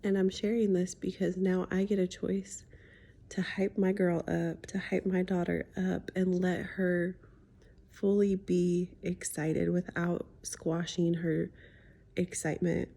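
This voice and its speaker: Creaky, low-voiced woman lisping slightly around a retainer. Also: level tone, slow pace, warm tone. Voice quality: slight lisp from speaking with a retainer in. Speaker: spiritual healing coach sharing a personal story. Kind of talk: reflective personal vlog, confiding talk.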